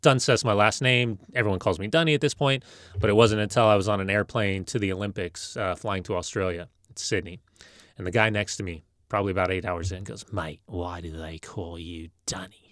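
A man's voice: fairly low pitch, fairly even intonation, brisk, fairly bright tone, no room sound, studio quality. A middle-aged man hosting a casual interview in a rambling, familiar, anecdotal way. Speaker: interview host.

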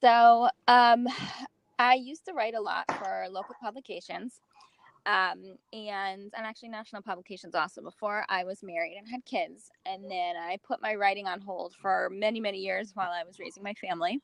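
A woman from the States, a magazine founder, talking casually as an interview guest and pausing often with fillers and restarts. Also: mid-range voice, fairly even intonation, creaky, dry recording. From United States. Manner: hesitant, many fillers and restarts.

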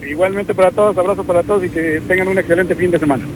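A man's voice: sits high, fairly even intonation, racing, noisy background. A man with a Mexican accent, a radio reporter chatting live with the host in a folksy, friendly way.

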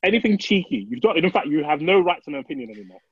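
A man's voice: fairly high pitch, big pitch swings, very fast, crowd noise. A man with a London roadman accent, chatting in cheeky, slang-heavy banter on a slightly dull, dry recording. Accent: London roadman, Multicultural London English. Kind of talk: casual banter.

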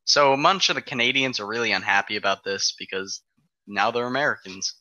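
Man presenter, very bright and forceful tone, dry close sound, laid-back explainer with ums. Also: mid-range voice, brisk, no room sound, highs cut off. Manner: walks through dates step by step, frequent ums. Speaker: presenter of an alternate history timeline. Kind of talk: casual explanatory podcast talk.

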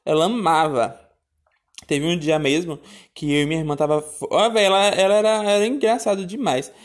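A woman telling a childhood story in a casual, animated, exclamatory way. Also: on the low side, fairly quick. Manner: animated, exclamatory, addresses listeners as "minha filha".

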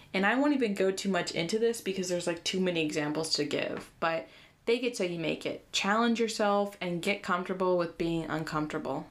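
A young woman with a slight lisp, hosting a casual solo podcast and giving earnest advice in a chatty way. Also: mid-range voice. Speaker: podcast host.

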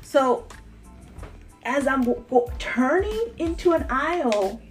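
A woman chats on a podcast with her brother, her voice high and bright. She rambles animatedly through stories and laughs often, with faint music playing behind her. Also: sing-song, slow pace. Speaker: podcast co-host. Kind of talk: casual chat, storytelling.

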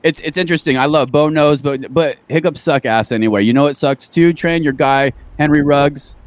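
A man's voice: a little high, moderate pace, no echo. A man hosting a podcast in casual chat, blunt and swearing as he moves between segments. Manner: blunt, swearing, steers the talk. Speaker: podcast host.

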